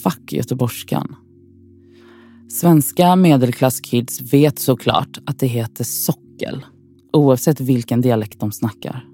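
A woman's voice: rumbling low, dark tone, breathy edge, soft background music. Wry, swearing woman talking to herself. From Sweden. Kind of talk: scripted inner monologue narration.

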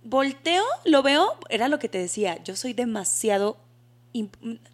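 A woman with a Mexican accent co-hosting a podcast, telling personal stories in lively, slangy casual chat. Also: on the high side, a little slow. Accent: Mexican Spanish. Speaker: podcast co-host.

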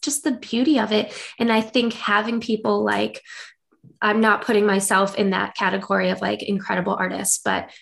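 A woman's voice: mid-range voice, vocal fry. A young woman co-hosting a podcast, talking in an earnest, upbeat, rambling way. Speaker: podcast co-host. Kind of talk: casual chat.

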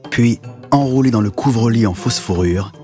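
A man narrating a children's audio story in the first person with calm, expressive scripted delivery. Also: medium pitch, normal speed, faint music behind.

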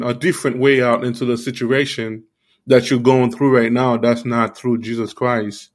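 A man giving an earnest, informal sermon, repeating himself often and filling pauses with "you know". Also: medium pitch. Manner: earnest, repetitive, many fillers like "you know". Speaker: preacher.

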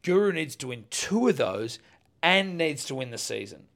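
A man hosting a casual podcast, telling stories with lively asides. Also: fairly high pitch, normal speed. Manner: animated, storytelling with asides. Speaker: podcast host. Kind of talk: casual banter.

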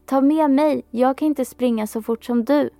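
A woman's voice: high voice, dark tone, dry recording, soft background music. A woman voicing a small, persistent male frog who keeps pleading and insisting.

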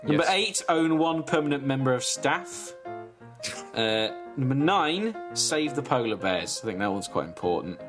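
A man, deadpan in a comedic casual chat as podcast co-host. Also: medium pitch, normal speed, over music. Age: 20s. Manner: deadpan, reading a list with asides.

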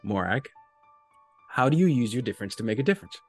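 A man hosting a podcast interview, introducing his guest with enthusiastic, animated delivery and big swings in loudness. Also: mid-range voice, quick pace, husky, soft background music. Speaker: podcast host.

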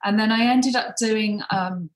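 A woman's voice: on the high side, measured pace, roomy sound, rough recording. A woman in her fifties from the English Midlands, a guest in a podcast interview, chatty and hesitant with many ums. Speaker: guest, beauty brand founder.

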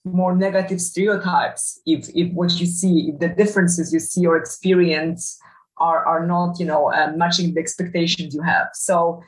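A woman's voice: lowish voice, steady tone, normal speed, roomy sound, far from the mic, low-quality recording. A middle-aged woman from Poland, a professor, answering interview questions over a video call in a thoughtful way with many fillers and restarts. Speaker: guest, professor.

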